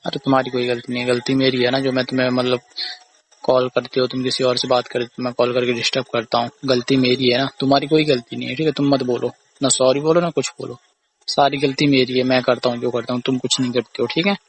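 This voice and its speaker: A fast-talking young man with a medium-pitched, level voice argues over the phone, sounding accusing, aggrieved and repetitive. He's the boyfriend or husband in this casual argumentative phone conversation, recorded with slight background noise.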